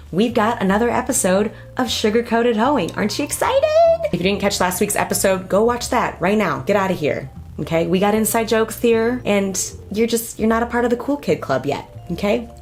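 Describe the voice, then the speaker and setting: A woman's voice: mid-range voice, a little fast, soft background music. A young woman hosting a comedy vlog, giving sassy, crude commentary on reality-show clips. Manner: sassy, crude, animated asides.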